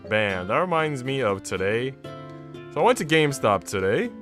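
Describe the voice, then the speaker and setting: Here a man streams live, moving back and forth between narrating a visual novel and loose, jokey banter full of slang and offhand cursing. His mid-range voice swings widely in pitch, sounds fairly bright, and keeps a normal pace, with plucked guitar music in the background.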